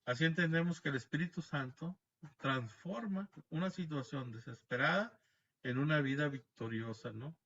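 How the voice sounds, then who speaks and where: A man leads a Bible class over a video call, explaining step by step and often checking with listeners. His voice is bright and forceful and sits a little high for a man. The audio is dull and lo-fi, as on a video call. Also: normal speed. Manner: explanatory, frequent tag questions, restarts words.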